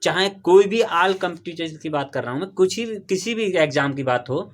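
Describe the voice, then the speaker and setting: High-voiced male teacher drilling a class. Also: normal speed. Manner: quizzes the class with call-and-response questions; patient, repeats key terms. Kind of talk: classroom Hindi grammar lesson. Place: classroom with students.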